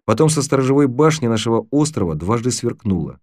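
A man narrating an audiobook in a measured, even storytelling manner. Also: mid-range voice, no room sound, studio quality.

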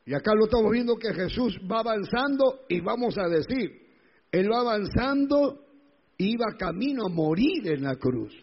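A male pastor preaches with emphatic repetition and rhetorical questions. His voice is high, gravelly and husky. It is recorded in a church hall with a long echo and dull, lo-fi sound. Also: very animated, moderate pace. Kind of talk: sermon.

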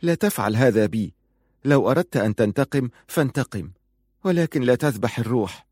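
A fiery young woman, sharp and accusing, as a man puts her on. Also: mid-range voice, lively intonation, fairly quick, slightly rough, no room sound, studio quality, pitched above the performer's own voice. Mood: pleading.

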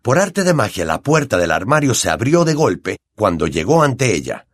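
Expressive Latin American audiobook narrator, man. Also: mid-range voice, moderate pace, dry recording, studio quality. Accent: Latin American Spanish. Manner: expressive storytelling. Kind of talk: scripted narration.

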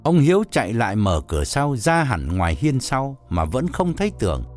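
Expressive male narrator. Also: mid-range voice, normal speed, faint music behind. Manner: expressive storytelling. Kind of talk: scripted narration.

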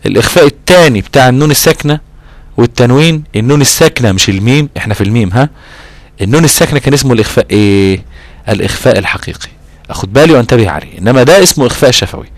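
A man with an Egyptian accent teaching a recitation lesson, repeating key terms and slowing down to draw out his recited examples. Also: mid-range voice, lively intonation, no room sound. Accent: Egyptian Arabic. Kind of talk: explanatory lesson.

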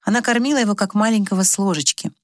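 A woman narrating an audiobook in calm, even storytelling. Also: medium pitch, racing, dry recording, clean studio sound.

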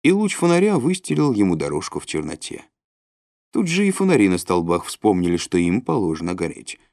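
A man reads a literary novel aloud in a lower voice. His pitch swings widely and expressively. The recording is dry and close. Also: a little fast, no echo. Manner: expressive, with sudden rises and drops in pitch. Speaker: audiobook reader. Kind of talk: literary audiobook narration.

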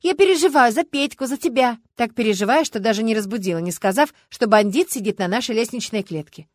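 A fretful, chattering young wife, as a female audiobook reader puts her on, voice lifted a little higher. She talks on and on in a worried way. The recording is close and dry. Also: lively intonation, quick pace, dry recording.

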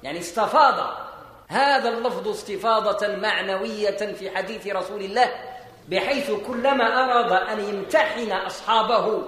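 A man's voice: high-pitched, normal speed, bright, forceful tone. A man with a Moroccan accent preaching a sermon that explains scripture. He mixes formal speech with dialect and pushes his voice up on key points. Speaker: Islamic preacher. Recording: echoey hall with long reverb.

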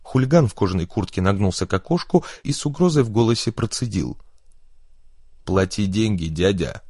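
A man reading an audiobook with steady, scripted narration. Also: on the low side, fast, slightly rough, no echo, clean studio sound.

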